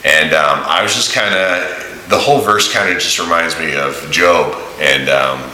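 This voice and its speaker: A man giving a casual, rambling video diary in a halting, informal way, recorded in a big echoey room. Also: a bass voice, pushed and bright. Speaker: vlogger and volunteer preacher on a mission trip. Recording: echoey room, big echo, audible hiss.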